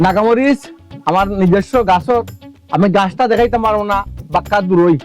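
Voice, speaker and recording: A man doing a boastful Sylheti village husband in a comic drama, his voice sitting high for a man as he rattles off showy patter to his viewers. Faint music plays underneath. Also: brisk, close to an everyday voice. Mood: showing off. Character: boastful village husband eating raw fish for views. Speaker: husband filming a food video.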